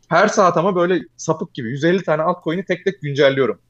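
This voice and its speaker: A young man tells his story at a quick, lively clip in a casual chat. His voice sits a little high. The recording sounds dull and lo-fi. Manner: fast animated storytelling, addresses listener as "abi".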